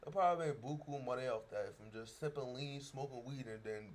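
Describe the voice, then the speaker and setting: A man's voice: mid-range voice, a little fast, a little mellow. A young man reacting casually on stream, stuttering and repeating himself with heavy slang.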